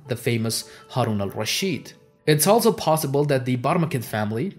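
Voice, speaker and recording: Here a man of medium pitch, Urdu being his mother tongue, reads history from a script at a measured pace, emphasizing each transitional word.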